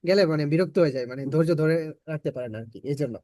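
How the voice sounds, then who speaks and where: A man's voice: fairly high pitch, fast talker, dark tone, no echo, studio quality. A man with a Bangladeshi Bengali accent teaching an online spoken English class, patiently repeating his points for learners.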